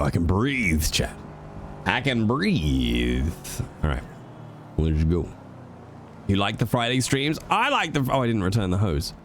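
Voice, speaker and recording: Low-pitched and accompanied by a slight hiss or hum, this man's voice comes from a roleplay game stream. He's got a cold and a blocked nose, and he rambles to viewers in casual chat as he plays, cursing freely.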